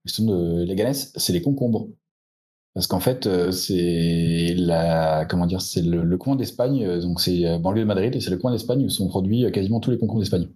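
A man's voice: sits low, moderate pace, a little mellow. A man, a guest on a casual podcast, chatty and full of fillers. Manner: chatty, hesitant with many fillers.

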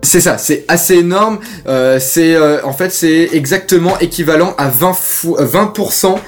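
A young man co-hosting a casual podcast, talking in a somewhat high voice. He rambles, stalls on fillers and restarts his sentences. Faint music plays behind him. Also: normal speed. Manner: rambling, hesitant with many fillers. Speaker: podcast co-host.

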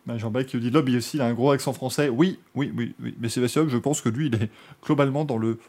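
A man's voice: medium pitch, steady tone, rapid-fire, darkish tone. A man hosting a motorsport podcast, chatting casually and joking, rambling with frequent restarts. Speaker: podcast host.

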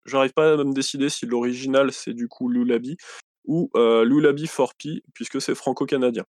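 A man's voice: medium pitch, steady tone, fairly quick, darkish tone, no echo, studio quality. Rambling man chatting on a podcast. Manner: rambling, many fillers and self-corrections. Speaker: podcast co-host presenting a film. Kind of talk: casual podcast chat.

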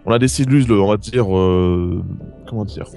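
A man's voice: on the low side, normal speed, warm tone, clear, resonant tone, soft background music. A man hosting a casual show, explaining a strategy game with frequent fillers and restarts. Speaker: podcast host.

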